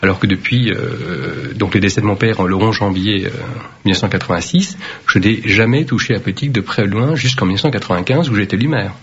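A man who serves as a mayor, answering interview questions firmly and deliberately, with frequent hesitations. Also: on the low side, a bit bright, husky. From Vietnam. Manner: firm, measured, with frequent hesitations. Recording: dull lo-fi radio recording.

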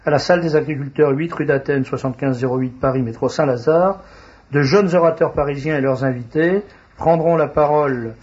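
A man with a husky, slightly rough voice hosts a radio talk show, reading out announcements and stopping often to hesitate. The recording is dull and lo-fi. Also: a little high, darkish tone. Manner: halting, frequent hesitations. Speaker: radio host.

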